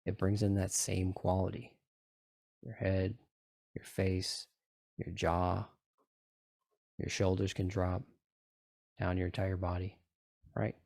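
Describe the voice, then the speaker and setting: In a low, monotone, gravelly voice with a slightly mellow quality, a man slowly leads a group in tapping and relaxation, pausing often. He repeats coaxing instructions and regularly checks in with short questions, and there is no room sound.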